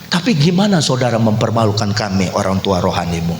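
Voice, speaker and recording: A male pastor preaching a lively sermon in a church, acting out quoted voices and teasing the congregation. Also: fairly low pitch, brisk, a little hiss or hum. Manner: animated, acts out quoted voices, teases the congregation. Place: church hall. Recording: echoey church hall.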